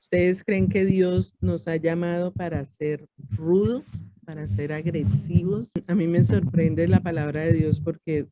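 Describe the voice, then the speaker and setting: A woman leads a church discipleship class in a mellow, warm voice. She speaks calmly and deliberately, often softening to a gentle hush. She acts out brief exchanges as she teaches. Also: fairly low pitch, highs cut off, slight background noise. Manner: calm, measured, often drops to a soft voice; acts out short everyday exchanges.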